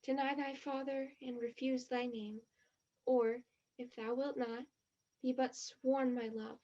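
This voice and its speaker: A woman portrays an eager teenage girl in a one-act play, her high voice full of gushing, dramatic sincerity as she recites tenderly. She speaks at a measured pace with little pitch movement and a dark tone. The recording sounds a bit muffled and lo-fi.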